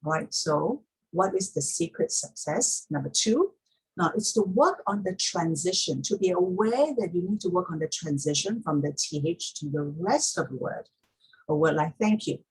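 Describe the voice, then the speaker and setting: Husky woman giving a pronunciation lesson. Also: lowish voice, lively intonation, moderate pace, low-quality recording. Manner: step-by-step, repeats key points for emphasis. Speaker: pronunciation teacher. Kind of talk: instructional lesson talk on pronunciation.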